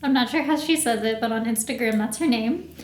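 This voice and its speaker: A woman's voice: a little high, brisk, a little hiss or hum. A woman co-hosting a podcast in a chatty, rambling casual chat. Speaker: podcast co-host. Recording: echoey room.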